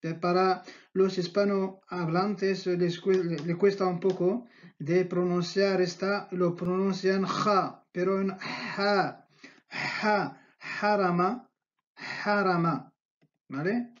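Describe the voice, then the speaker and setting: Slow, patient teacher, dull audio. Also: medium pitch, flat delivery, a little mellow. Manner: slow, patient, repeats words for drilling. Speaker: Arabic teacher. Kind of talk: language lesson.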